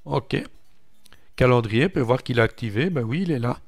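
A man with a French accent walking viewers through software on screen in a relaxed, chatty way, calling out each click with little interjections. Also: medium pitch, vocal fry, faint music behind. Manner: slow, chatty, narrates each click with "voilà" and "hop". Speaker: tech tutorial host. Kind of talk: screen-recorded software walkthrough.

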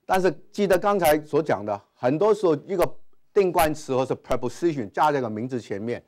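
Male grammar teacher giving a classroom lecture, lively pitch, constant filler sounds. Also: a little fast. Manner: frequent "啊" and "哈" fillers, mixes English terms. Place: classroom with whiteboard.

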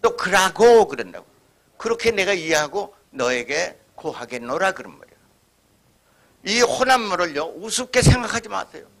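A man lecturing on history at a forum, his voice pitched high for a man and bright in tone. He speaks emphatically and slips into imitated dialect phrases to make his points. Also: big pitch swings, normal speed, vocal fry.

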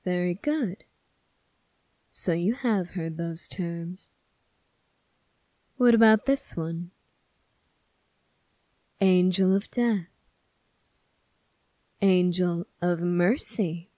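In an ASMR roleplay, a woman voices a smug, scornful male demon prince, speaking in a condescending, deliberate way. Her pitch is fairly low and mellow, with no echo.

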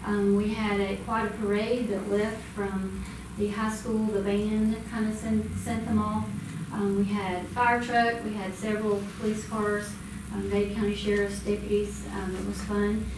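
Speaking in a mid-range voice with a level tone, a middle-aged woman presents for the school department, taking her time and pausing little. Her informal report to the school board is conversational and laced with ums. She stands in the meeting room, caught from afar by a room mic in an echoey, noisy recording.

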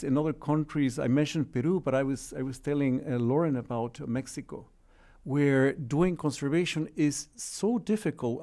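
A middle-aged man speaking earnestly on a conference panel, halting often with fillers and restarts, into a desk microphone. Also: mid-range voice, warm tone. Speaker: conservation panelist. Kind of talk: panel discussion remarks. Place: indoor conference stage. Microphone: desk microphone on a stand.

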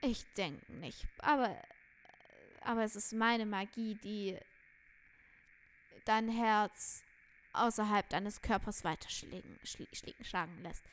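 A woman's voice: mid-range voice, slow, long pauses, lightly acted. A woman voicing a cool, scolding sorceress in a video game, reading her lines in a stern, lecturing way. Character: a cool, scolding sorceress who holds a heart with her magic.

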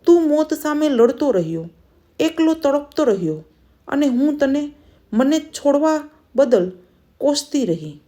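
A woman's voice: sits high, very animated, unhurried, pauses often, dark tone, pitched above the performer's own voice. A woman voicing a grieving young woman who pleads through tears in a read-aloud story. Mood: tearful pleading. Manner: tearful, pleading.

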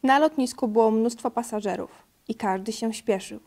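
Higher-voiced woman reading a children's story. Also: moderate pace. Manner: steady, clear reading with occasional slips. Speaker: storybook reader. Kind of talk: reading a children's book aloud.

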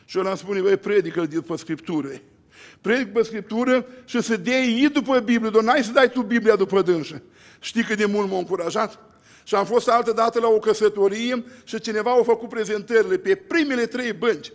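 A man's voice: sits high, long reverb tail. A male pastor preaching a sermon, emphatic, with repeated lists and rhetorical questions.

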